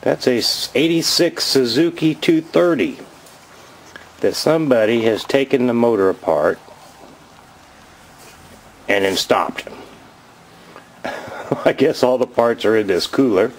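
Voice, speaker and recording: A man in his fifties giving a rambling, chatty show-and-tell vlog outdoors by his garage, filming on a handheld camera and getting excited over his finds. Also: mid-range voice, slow pace, long pauses, slight background noise, poor audio. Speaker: vlogger.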